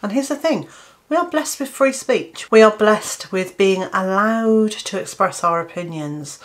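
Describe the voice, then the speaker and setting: Her voice is medium-pitched, expressive and unhurried as this fifty-something British gardening host shares an earnest opinion piece to camera. She speaks British English, with hesitant restarts and fillers.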